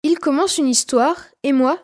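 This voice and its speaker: A woman's voice: sits high, normal speed, a little mellow. A woman reading a children's story aloud for language learners, telling it expressively in the voice of a twelve-year-old boy. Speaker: reader.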